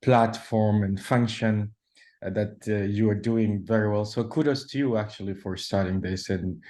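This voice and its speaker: A man from Sudan, a journalist answering interview questions in a measured way, often pausing and restarting. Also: lowish voice, fairly even intonation, darkish tone. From South Sudan / Sudan. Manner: measured, with frequent hesitations and restarts. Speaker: journalist guest.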